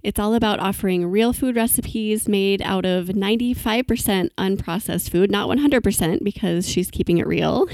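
A woman's voice: medium pitch, vocal fry, a little mellow, no room sound. Upbeat woman podcast host, dry close sound. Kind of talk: podcast interview.

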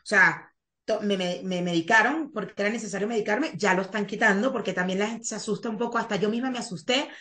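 A woman talking as a podcast guest in a casual interview, chatty and animated, now and then trailing off into soft asides. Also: medium pitch, quick pace.

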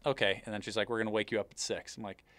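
Guy podcast host w/ blocked up nose, nasal n kinda low, just chatting, close dry sound. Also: flat delivery, rapid-fire, a bit bright, dry recording. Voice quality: nasal, congested from recent nose surgery. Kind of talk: casual chat, personal anecdote.

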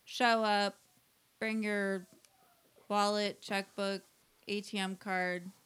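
A woman chats as a podcast co-host, bubbly and quick to giggle. Her voice sits in a middle pitch, and she keeps jumping in over her partner with little squeals and laughs. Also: little pitch movement, fairly bright tone, smooth. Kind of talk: casual chat.

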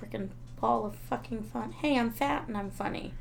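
A woman's voice: a little high, normal speed, gravelly, a little hiss or hum. Candid, foul-mouthed woman in her thirties. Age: 30s. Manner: candid, swears freely, self-mocking. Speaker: podcast co-host. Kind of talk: casual chat.

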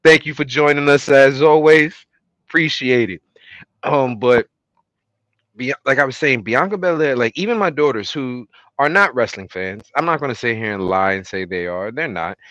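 Guy hosting a podcast, emphatic casual talk, swears a bit, bright punchy voice, dry close sound. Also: mid-range voice, normal speed, no room sound, highs cut off. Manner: emphatic, profane, repeats phrases for emphasis. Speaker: podcast host.

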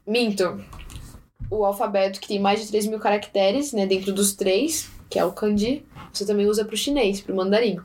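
A woman's voice: medium pitch, a little mellow. Young woman, chatty playful interview guest, normal mid voice. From Brazil. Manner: chatty and playful, quick asides. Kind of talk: casual interview chat.

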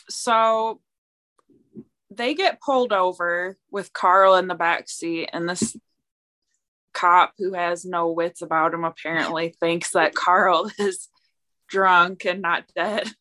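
A woman retelling a film's plot in easygoing conversation, taking her time over each beat. Her voice is bright and clear, and she laughs lightly now and then. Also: on the low side, fairly even intonation. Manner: unhurried storytelling with light laughs. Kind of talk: casual chat recapping a movie.

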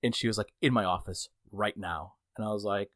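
A man casually telling a work anecdote on a podcast, laughing often and jumping his voice up high to mimic the people in his story. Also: fairly quick, dry recording. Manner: animated storyteller, jumps high to mimic others; laughs often while talking. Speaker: podcast co-host reading gaming news.

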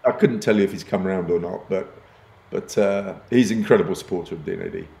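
Low and mellow with vocal fry, this older man talks fast in a roomy-sounding podcast interview. Raised in Uganda and Kenya, he's an advertising executive on as a guest, self-deprecating and prone to restarting his sentences.

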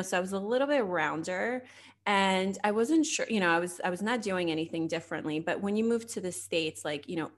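A woman in her thirties from Slovakia, a podcast host and health coach, chatting casually in an interview with lots of filler words. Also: fairly low pitch. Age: 30s. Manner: chatty, many fillers like "like" and "you know".

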